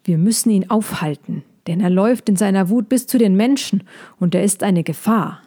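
A woman voicing a small, brave male plover bird in a children's story, speaking in a quick, earnest way. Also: mid-range voice, mellow, lightly acted.

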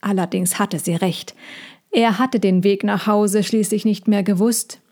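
A woman narrating a children's story in a gentle, measured reading voice. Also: medium pitch, steady tone. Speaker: audiobook reader.

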